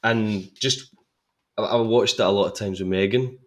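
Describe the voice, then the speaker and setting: A young man talks about a favourite film as a podcast guest, his voice sitting low. He is eager and chatty, stumbling over repeated words as he gathers his thoughts. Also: fairly even intonation, moderate pace. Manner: enthusiastic, repeats words while thinking. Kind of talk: casual film chat.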